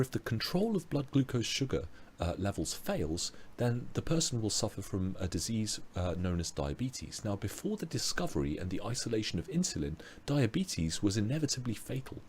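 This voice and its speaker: A British man teaching a biology revision webinar, explaining step by step with fillers and restarts, his voice going hoarse. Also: fairly low pitch, darkish tone, slight background noise. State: losing his voice. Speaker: biology tutor. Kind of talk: online revision lecture.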